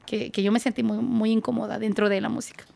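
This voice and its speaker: A woman's voice: fairly high pitch, little pitch movement, fast talker, creaky, mellow. A Mexican woman, a singer and podcast guest, telling stories casually and acting out voices and sound effects.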